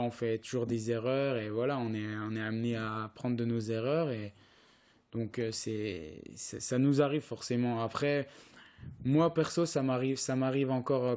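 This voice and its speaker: A man's voice: medium pitch, steady tone, moderate pace, darkish tone. A young man from France, a pro cyclist, answering interview questions hesitantly with many restarts and fillers. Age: young adult.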